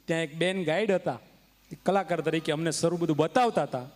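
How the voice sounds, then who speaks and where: High-pitched kathiawadi gujarati comic storyteller, orating on stage, lots of hall reverb. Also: male voice, fairly quick. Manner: oratorical, emphatic, declaiming with rising force. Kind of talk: live folk stage storytelling. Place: stage before an audience.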